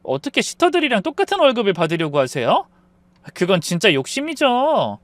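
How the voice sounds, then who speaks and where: A man voicing a rude, condescending young daughter-in-law with a sharp, mocking tone. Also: high-pitched, wildly swooping pitch, brisk, no room sound, pitched above the performer's own voice. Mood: scornful.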